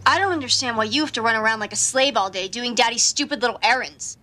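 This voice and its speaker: A woman's voice: a little high, quick pace, bright, forceful tone. An actress playing a defiant teenage daughter who confronts her mother sharply.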